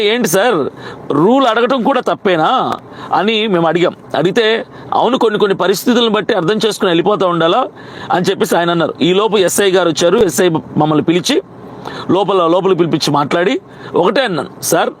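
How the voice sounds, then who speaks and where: Fast-talking high-voiced indignant man. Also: a little hiss or hum. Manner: indignant, insistent retelling with quoted dialogue. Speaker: pastor. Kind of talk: first-person account to an interviewer.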